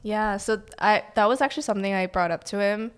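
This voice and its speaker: A woman's voice: medium pitch, fast talker, smooth. A young adult woman talking as a podcast guest in a rambling, casual way, filling her sentences with "like". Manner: rambling, heavy use of "like". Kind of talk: casual chat.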